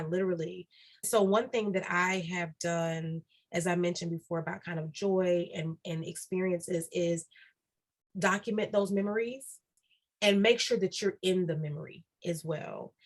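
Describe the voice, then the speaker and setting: A woman's voice: fairly low pitch, moderate pace. A woman guest on a podcast interview, talking earnestly and repeating key phrases for emphasis. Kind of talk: reflective podcast interview talk.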